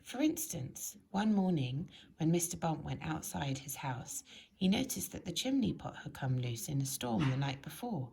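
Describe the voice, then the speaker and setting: A storybook reader narrates a children's book in a woman's voice that sits slightly low and carries a creaky, gravelly edge. Her pitch swings very animatedly, and she reads expressively at a normal speed, stressing key words clearly. The audio quality is poor.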